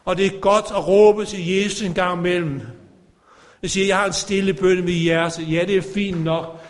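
A man's voice: sits high, fairly even intonation, long reverb tail. A man preaching a sermon to a congregation, fervent and calling out. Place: church.

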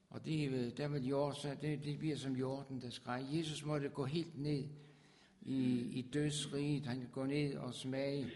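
A man preaching a sermon with fervor, his voice swelling loud on scripture. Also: medium pitch.

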